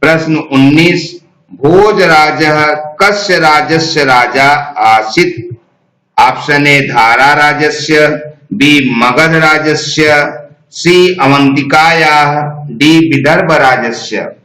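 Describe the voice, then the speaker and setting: A man reading exam quiz questions and their answer options in a slow, deliberate recitation. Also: on the high side, sharp tone, reverberant, poor audio. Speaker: exam prep teacher.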